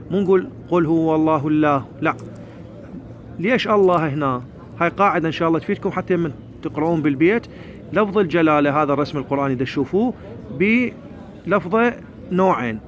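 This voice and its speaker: A man with an Iraqi Arabic accent teaching Quran recitation, explaining each point quickly and then reciting verses slowly and drawn out. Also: a little high, lo-fi sound, slight background noise.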